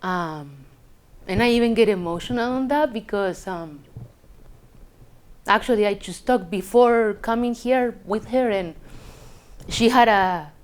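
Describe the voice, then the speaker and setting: With a mid-range, darkish, clean voice, a Chilean woman whose first language is Spanish recounts her life story as an interviewee, unhurried and pausing often. Her talk is casual and reflective, with a Chilean Spanish accent and occasional hesitation over English words.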